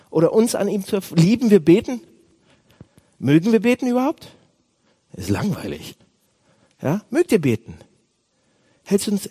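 A man preaching a sermon as a pastor, animated, swinging between loud outbursts and hushed asides. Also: a little high, breathy edge.

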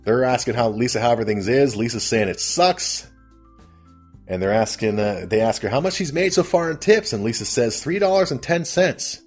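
A man's voice: medium pitch, animated, a little fast, breathy edge, soft background music. A man hosting a casual comedic recap of a TV episode, rambling and amused at his own retelling. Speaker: host.

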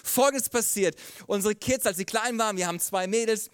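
A man preaching a sermon, telling a story with lively acted quotes. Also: high voice, brisk, smooth, no room sound, clean studio sound. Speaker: pastor.

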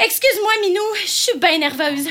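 A woman's voice: extremely high pitch, lively intonation, brisk, bright, forceful tone, full character voice. A woman voicing a nervous amateur actress with a Quebec French accent, declaiming her lines in an overdramatic, tearful way. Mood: apologetic.

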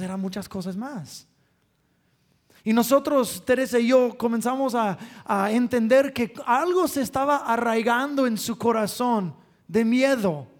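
A man preaching a sermon through family stories, emphatic, repeating phrases and chuckling between points. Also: extremely high pitch.

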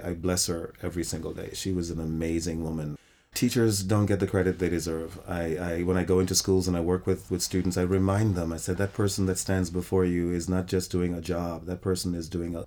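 A middle-aged man from Trinidad who works as an actor and director, telling expressive stories in an interview and repeating words when he gets excited. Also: sits low. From Trinidad, West Indies. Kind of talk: interview conversation.

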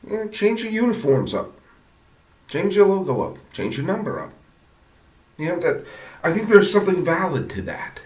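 A man hosting a podcast in a casual, rambling, halting monologue, recorded in an echoing bathroom. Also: high-pitched, sing-song. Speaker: podcast host. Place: home bathroom, indoors. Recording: echoey bathroom reverb.

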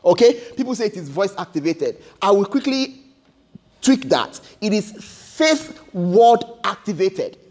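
Male preacher, emphatic sermon delivery, repeats and restarts phrases, very high pitch. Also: sing-song, unhurried, darkish tone. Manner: emphatic and repetitive, with stammered restarts.

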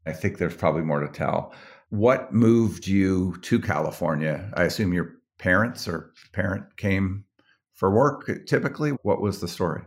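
Deep gravelly male podcast host. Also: lively intonation, normal speed. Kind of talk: podcast intro and interviewing.

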